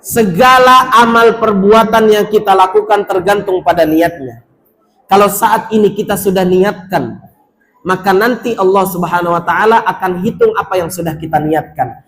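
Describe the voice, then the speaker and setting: A man's voice: sits high, normal speed, a bit bright. A male preacher giving a sermon to pilgrims in a mosque, urging them on, acting out doubting worshippers and chanting Arabic.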